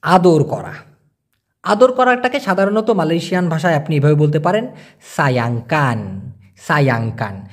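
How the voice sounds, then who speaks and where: High-voiced man teaching words patiently. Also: expressive. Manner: explains patiently, repeats words slowly, asks "clear?". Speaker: language teacher. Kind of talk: casual spoken language lesson.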